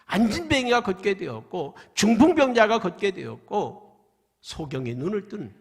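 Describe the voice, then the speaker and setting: Raspy, gravelly preaching man in church reverb. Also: fairly high pitch. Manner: dramatic preaching, swings from loud cries to hushed near-whispers. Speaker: pastor. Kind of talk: sermon. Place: church sanctuary.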